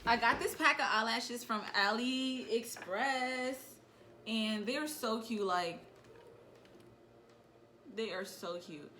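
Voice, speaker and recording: A young woman talking casually through a makeup tutorial and telling a story in a chatty, animated way. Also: on the high side, slow, pauses often, slight background noise. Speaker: beauty vlogger.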